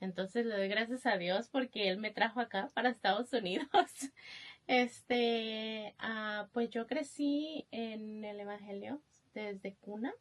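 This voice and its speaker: A young woman from Guatemala with a Guatemalan Spanish accent, telling her story as a podcast guest, soft-spoken and hesitant, with many fillers. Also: on the high side, slow pace. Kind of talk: testimony interview.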